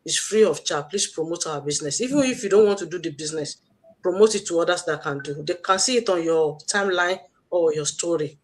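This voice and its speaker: Her voice is fairly low and brisk as this Nigerian-accented woman, an online business mentor, leads a motivational livestream. She exhorts the audience and says her key phrases again and again.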